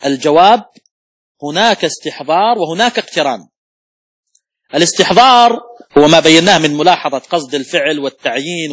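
Man, sheikh, religious law lesson, husky, dry close sound, methodical examples, occasional coughs. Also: sits high, fairly bright tone, no echo. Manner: methodical, explains rules through worked examples and repetition; demonstrates correct and wrong pronunciation aloud. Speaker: sheikh teaching Islamic law.

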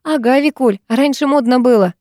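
A wry, teasing teenage schoolgirl, as a woman reads her out in a storybook. She quips with a mocking edge in a mellow voice. The recording is dry and close. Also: high-pitched, moderate pace, no room sound, voice pushed up, close to an everyday voice.

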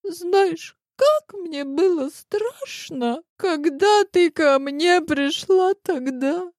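A woman's voice: animated, drawn-out words, darkish tone, no echo, studio quality, heavily acted. A woman voicing a sobbing young mistress. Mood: tearful. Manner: high-pitched wailing, tearful. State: crying. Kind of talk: audiobook character voice.

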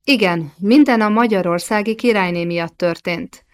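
A woman's voice: medium pitch, natural voice. A woman voicing an angry medieval king. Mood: defensive. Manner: irritable, defensive, commanding. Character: angry guilty young medieval French king.

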